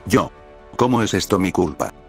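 A man voicing a distraught, anxious young woman in a story reading, delivered in a flat, even way. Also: sits low, normal speed, faint music behind. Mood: furious.

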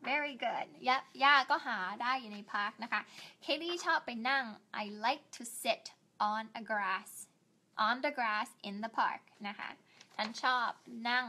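A woman's voice: a little high, pushed and bright. A young woman teaching an English lesson, drawing out each English word and chatting in a friendly, self-deprecating way. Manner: slow, drawn-out English words with repeated Thai polite particles; chatty and self-deprecating, asks viewers for help. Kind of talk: bilingual online English lesson.

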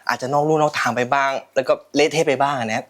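A man's voice: medium pitch, steady tone, quick pace, fairly bright tone, natural voice. An actor playing an apologetic husband who keeps soothing and sweet-talking his wife in a short film. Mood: coaxing. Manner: placating, soothing.

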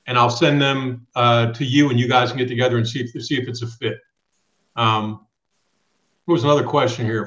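A man's voice: mid-range voice, fairly bright tone. A middle-aged man runs a live video chat from a small room at home, speaking firmly and directly. His webcam sound is roomy and a little dull. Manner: firm, direct, reads viewer questions aloud. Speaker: host of a live trucking channel. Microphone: webcam on a video call.

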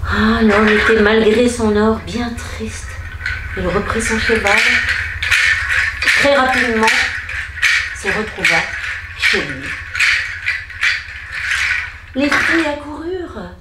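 A woman storyteller telling a fairy tale to children at a library event, slow and dramatic, speaking to the children directly. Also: medium pitch, heavy background noise. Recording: echoey room with faint ambience.

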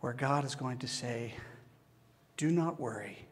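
A man preaching a sermon as pastor, slow and measured with long pauses, recorded in a church. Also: medium pitch. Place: church sanctuary. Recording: long church hall reverb.

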